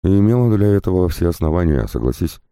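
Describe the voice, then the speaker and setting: A man voicing a shrewd, commanding rear admiral in a spoken audiobook, measured speech. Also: low voice, sing-song, dark tone, clean tone, dry recording, studio quality, pitched above the performer's own voice.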